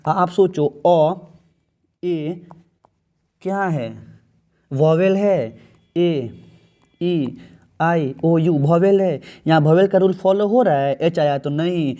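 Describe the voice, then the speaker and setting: Man, Bhojpuri-tinged Hindi, fairly high mellow voice, coaching-class teacher, keeps quizzing students. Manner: chatty, keeps asking students questions; reads English sentences slowly. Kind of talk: exam-prep grammar lesson.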